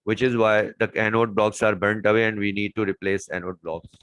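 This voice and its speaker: A man's voice: lowish voice, level tone, a little fast, fairly bright tone, no room sound, rough recording. A man tutoring chemistry, walking through exam questions step by step and repeating key words. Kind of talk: exam paper walkthrough lesson.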